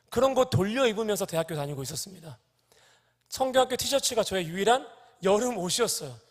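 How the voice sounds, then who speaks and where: High-voiced man preaching in a reverberant hall. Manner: storytelling, quoting dialogue, rising to emphatic exhortation. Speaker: pastor. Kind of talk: sermon. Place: church sanctuary.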